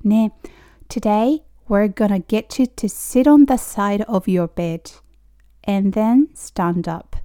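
A Japanese woman giving a casual spoken English lesson, repeating model phrases slowly, with Australian-flavored English. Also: medium pitch, dark tone, clean tone, no echo, studio quality. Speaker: English teacher for nurses.

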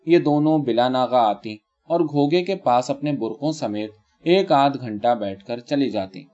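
A man narrates a literary story in a calm, measured way, his voice mellow and warm. The recording is slightly dull, as if muffled. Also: mid-range voice.

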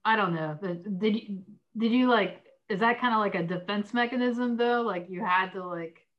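A woman's voice: medium pitch, normal speed. A woman co-hosting a podcast, chatting casually and supportively, laughing often. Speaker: podcast co-host. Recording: dull, lo-fi sound.

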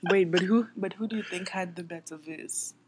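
A young adult woman co-hosting a casual podcast, chatty and quick to laugh, trailing off with filler words. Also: fairly low pitch, a crowd in the background. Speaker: podcast co-host. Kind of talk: casual chat.

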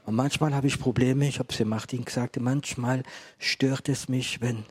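A man's voice: mid-range voice, fairly even intonation, normal speed, slightly rough. A middle-aged man preaching and telling a testimony to a live audience, acting out dialogue as he goes. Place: room with a gathered audience.

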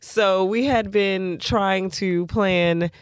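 A woman co-hosting a casual, comic chat, telling things in a playful, animated way. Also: mid-range voice, drawn-out words, clear, resonant tone, no echo, studio quality.

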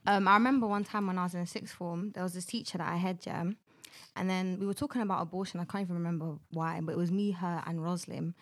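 A woman's voice: on the low side, steady tone, fast. A young woman with a London accent, telling stories and putting questions casually as a podcast co-host. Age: young adult. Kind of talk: casual chat and storytelling.

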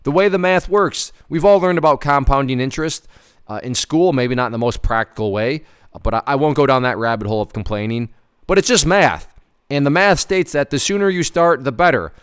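Speaking a little fast, this thirty-something host talks through a personal finance article, partly reading it out, in a casual, conversational way, hammering his points and repeating words. His voice is medium-pitched, fairly bright, clear, and resonant.

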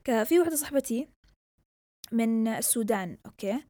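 A young woman from southern Yemen hosts a casual solo podcast, rambling chattily and switching between Arabic and English in a blend of Yemeni and Saudi Gulf Arabic accents. Her voice is a little high, animated, fairly quick and dark, recorded dry at studio quality.

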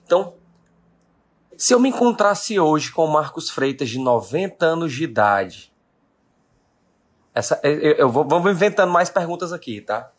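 Very animated and a little high, his voice moves at a moderate pace with long pauses. He's a late-thirties business owner from Brazil giving an emphatic motivational talk on a live stream, asking his key questions again and again.

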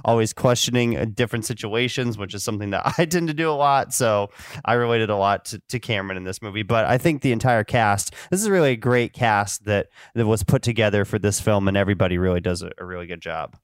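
Smooth, low-voiced man co-hosting a podcast. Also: fast, no echo, studio quality. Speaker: podcast co-host. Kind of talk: casual film review chat.

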